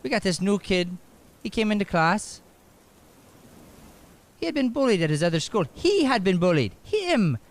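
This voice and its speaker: In improvised radio comedy, a man uses a put-on Irish accent to play a flustered, scolding schoolteacher who is defensive and obsequious. His high voice swings widely in pitch at normal speed, and he pauses often, stammering, repeating himself, and tripping over his words in exasperation.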